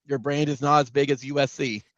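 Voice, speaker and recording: A man's voice: medium pitch, steady tone, fairly quick, no echo, lo-fi sound. A man hosting a casual sports livestream over a video call, joking with guests and wrapping up the show. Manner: loose, joking, wraps up the show. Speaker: podcast host.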